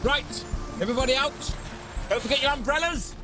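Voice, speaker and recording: An actor with an English accent playing a brisk, teasing maths team leader who bosses his students around. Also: very high voice, over music. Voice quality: hearty, teasing, bossy. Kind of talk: film dialogue. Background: film score.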